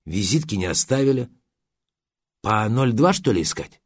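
Man voicing old concierge, coy, rambling, hesitant, low voice, dry, audiobook character. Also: very animated, moderate pace, no echo. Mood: coy, chatty.

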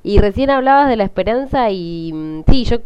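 A man's voice: sits high, animated, normal speed, a little mellow, smooth, dry recording. A man co-hosting a radio show, speaking thoughtfully and articulately. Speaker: radio co-host. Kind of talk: casual radio chat.

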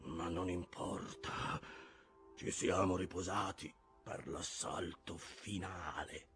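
A man's voice: sits low, fairly even intonation, slow, fairly bright tone, soft background music. A man voicing an obsessed old sea captain who bellows orders feverishly in an audiobook reading. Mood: grim, quiet.

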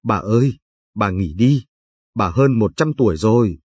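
A caring, timid young girl, read by a male narrator who speaks in a hushed near-whisper. The voice is low, husky and dry, recorded close. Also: lively intonation, unhurried, no room sound.

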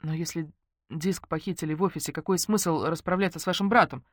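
Brief: a level-headed middle-aged woman, measured and explaining, voiced by a female narrator, low voice, dry sound. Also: fairly even intonation, no room sound, natural voice. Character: composed middle-aged woman, calm and reasoning.

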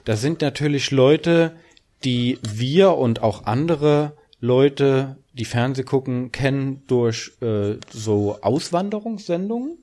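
A man's voice: mid-range voice, expressive, takes it slowly, a little mellow. A man co-hosting a casual podcast chat, rambling and sarcastic, often tagging his points with a questioning aside. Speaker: podcast co-host.

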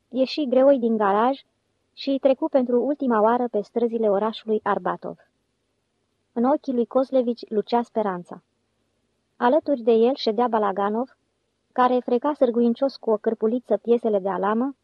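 A woman's voice: on the high side, no echo. Woman narrating an audiobook, dry, lo-fi. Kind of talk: scripted narration. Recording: dull lo-fi audiobook recording.

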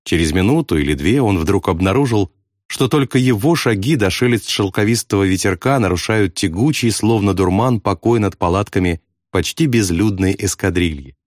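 A man's voice: on the low side, normal speed, no room sound, studio quality. A man reading a novel aloud as audiobook narration, telling it expressively. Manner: expressive storytelling.

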